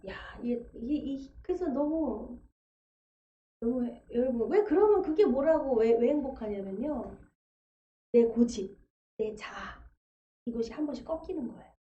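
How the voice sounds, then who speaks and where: A woman's voice: sits high, warm tone, slight background noise. A woman preaching a testimony sermon in a church, telling her story vividly and acting out the voices she quotes. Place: church sanctuary. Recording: echoey church livestream, dull sound.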